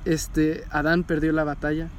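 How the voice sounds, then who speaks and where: A man, recapping a show with loud, animated enthusiasm. He talks casually and swears freely as the excitement builds. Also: fairly high pitch, moderate pace, a little hiss or hum. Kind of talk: casual chat recapping an anime.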